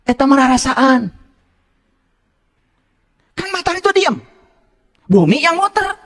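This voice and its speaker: Lively, high-pitched preacher man. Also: unhurried. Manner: playful, quizzes and teases the audience, switches into local phrases. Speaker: religious teacher. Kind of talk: interactive religious lecture to an audience.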